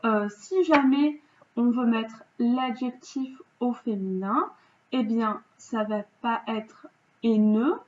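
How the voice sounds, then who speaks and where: A woman teacher slowly correcting vocabulary exercises, explaining rules patiently step by step. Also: fairly high pitch, slight background noise. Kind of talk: remote vocabulary lesson correction. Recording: dull lo-fi home recording.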